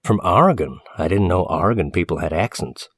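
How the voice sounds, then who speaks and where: A man's voice: sits low, expressive, fairly quick, fairly bright tone, husky, no echo, clean studio sound, heavily acted. A man voicing a brash, questioning young man with a direct, casual manner in a story. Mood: puzzled.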